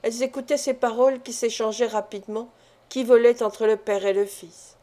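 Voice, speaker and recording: A woman reading a classic novel aloud as an audiobook narrator, in a measured storytelling manner. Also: a little high, steady tone, mellow. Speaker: audiobook reader.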